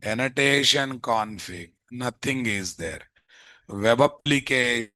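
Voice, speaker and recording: Slow, bright-voiced man with Telugu Indian accent. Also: medium pitch, lively intonation, dry recording, clean studio sound. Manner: repeats phrases, frequently quizzes listeners with tag questions. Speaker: programming instructor. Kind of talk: live online lecture, dictating notes while typing. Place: indoors, live screen-share online class.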